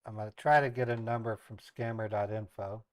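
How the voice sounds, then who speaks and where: A man's voice: fairly low pitch, steady tone, fairly quick, dry recording. Casual American man streaming live. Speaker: live stream host who calls scammers.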